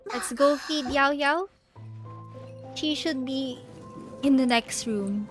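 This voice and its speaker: This woman, a game streamer, speaks slowly in a high voice while chatting casually during a livestream. She thinks out loud hesitantly and giggles, with game music playing behind her.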